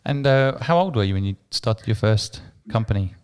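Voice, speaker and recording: A man hosts a podcast and interviews his guest. His voice is smooth and clear. He often stumbles and repeats words as he frames a question. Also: lowish voice, animated, moderate pace. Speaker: podcast host. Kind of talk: casual interview talk.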